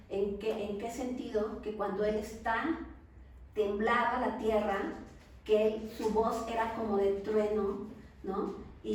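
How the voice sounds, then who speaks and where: A woman with a Mexican accent teaching a Bible lesson in church, talking conversationally and often checking with her listeners through quick questions. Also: fairly high pitch, darkish tone. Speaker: preacher. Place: large echoey church hall. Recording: very echoey hall, speaker far from the mic, faint noise.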